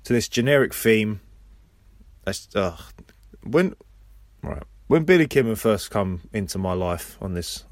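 A man's voice: on the low side, lively intonation, measured pace, pauses often, no echo, clean studio sound. A man hosting a podcast, casually recapping a wrestling episode play by play with rambling personal asides. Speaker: podcast host.

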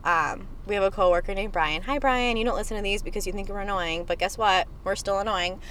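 A woman's voice: medium pitch, quick pace, fairly bright tone, slight background noise, rough recording. A young woman co-hosting a podcast from inside a car, chatting casually in a joking, profane, rambling way. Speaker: podcast co-host. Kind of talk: casual chat.

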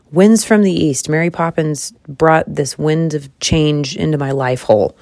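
A woman's voice: no room sound, studio quality. A woman in her mid-thirties hosting a podcast, talking through a personal decision in a candid, sassy monologue with dramatic jumps in her voice. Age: 30s. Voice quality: expressive, dramatic pitch jumps. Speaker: podcast host.

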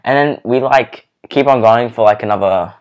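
A young man, co-hosting a casual podcast and chiming in with short, quick remarks. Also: mid-range voice, clear, resonant tone, lo-fi sound. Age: young adult. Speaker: podcast co-host. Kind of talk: casual chat.

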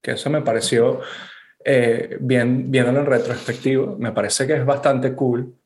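A man from Venezuela with a Venezuelan accent, co-hosting a casual chat and telling stories with animated, casual swearing. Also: medium pitch, normal speed, echoey room. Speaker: podcast co-host.

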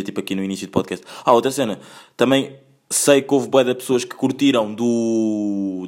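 A man in his twenties from Angola, hosting a casual solo podcast from home in a loose, chatty way, full of slang and sprinkled with English phrases. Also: medium pitch. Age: 20s. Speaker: podcast host.

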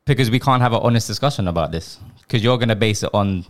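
A man's voice: fairly low pitch, fast. A man in casual discussion, often questioning and interjecting briefly. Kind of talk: casual chat on music.

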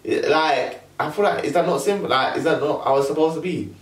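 A man's voice: fairly high pitch, brisk. Echoey young London roadman chatting. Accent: London roadman, multicultural London English. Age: young adult. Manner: slangy, animated storytelling with quoted asides. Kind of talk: casual chat. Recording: roomy echo, distant from mic.

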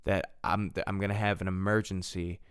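A man in his twenties hosts a solo podcast in a deep, flat, brisk and smooth voice, rambling casually, poking fun at himself and often repeating and restarting phrases. The recording is studio quality with no echo.

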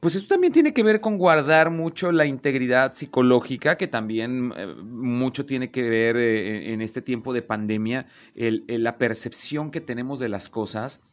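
A man's voice: medium pitch, animated, normal speed, hardly any pauses. A man hosting a talk show. He chats casually and acts out the voices he quotes. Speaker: host.

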